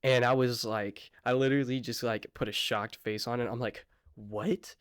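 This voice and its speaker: Young male vlogger, mid-pitched, dry close sound, slangy and easygoing storyteller. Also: fairly even intonation, fairly quick, smooth, no room sound. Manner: slangy, laid-back, apologetic asides. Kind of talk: casual storytime vlog.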